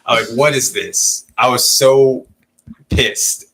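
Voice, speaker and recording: A man's voice: medium pitch, slow pace, creaky, fairly bright tone, slightly rough. A man in his thirties from Malaysia, telling stories in a candid, rambling way as a podcast co-host in casual chat. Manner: candid, rambling storytelling with frequent swearing and laughs.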